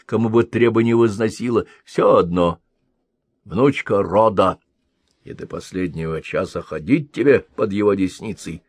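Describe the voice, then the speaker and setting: Man voicing a gruff scolding old sage. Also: on the low side, no room sound, clean studio sound. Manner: grumbling, scolding.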